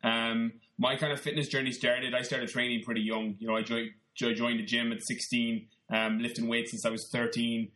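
Guy w a west of ireland accent, podcast guest chatting, punchy bright voice, doesnt go up and down much. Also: medium pitch, level tone, moderate pace, hardly any pauses, rough recording. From Galway, west of Ireland. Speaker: podcast guest, personal trainer. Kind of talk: conversational interview, telling own story.

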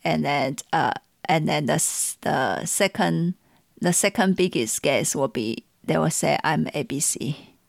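A woman from Taiwan with a Taiwanese accent, a tea seller chatting casually and tasting tea, animated and giggly as she tells stories. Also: sits low, measured pace, gravelly, dry recording, studio quality.

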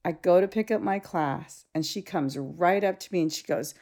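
Gravelly woman telling a frank story. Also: on the low side, moderate pace. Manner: animated storyteller, acts out dialogue, frank and blunt. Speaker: podcast co-host; school teacher. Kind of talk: casual chat, storytelling.

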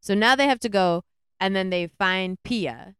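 Smooth-voiced woman rambling through a movie recap. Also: mid-range voice, a little slow, dry recording, studio quality. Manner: rambling, animated retelling with many "like"s. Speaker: podcast co-host. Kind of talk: casual movie review chat.

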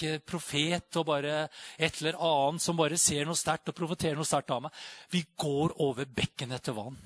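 A man preaching a charismatic sermon, fervent and full of amens and hallelujahs, rising to loud exclamations and dropping to quiet reflection. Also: on the high side, no echo, clean studio sound. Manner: peppers speech with amen and hallelujah.

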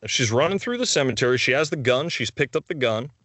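A man's voice: medium pitch, lively intonation, fast talker, fairly bright tone, no echo. A man in casual conversation, retelling film scenes and acting out the characters' lines.

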